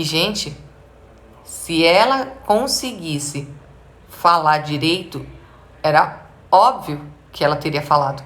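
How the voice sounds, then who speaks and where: A woman's voice: lowish voice, creaky, a bit bright. A woman with a Brazilian Portuguese accent, a speech therapist giving a live advice talk to parents, speaking emphatically and asking them direct rhetorical questions.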